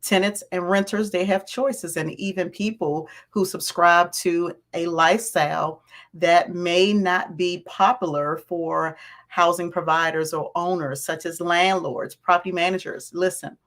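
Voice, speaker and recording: A woman with a raspy voice hosting a live stream, greeting viewers by name and repeating her points. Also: lowish voice, fairly even intonation, a little slow, a bit bright. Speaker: host of a livestream on landlord and tenant topics.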